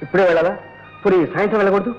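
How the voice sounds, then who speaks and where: Casting: male actor for an evasive estate-owner husband, high-pitched and clipped, on a dull vintage soundtrack. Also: fairly even intonation, rapid-fire, lightly acted. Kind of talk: 1970s Telugu film dialogue. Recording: muffled old film soundtrack with music.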